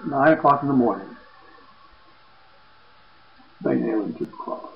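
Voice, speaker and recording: A man preaching, retelling a scripture story slowly and dramatically. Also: medium pitch, gravelly. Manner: slow, dramatic retelling, lively quoted voices. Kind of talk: sermon narration of scripture. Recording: echoey, dull sound.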